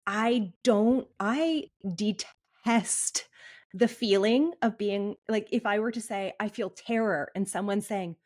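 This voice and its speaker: Woman podcast co-host, casual chat, candid, mid-pitched voice. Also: slow pace, a little mellow.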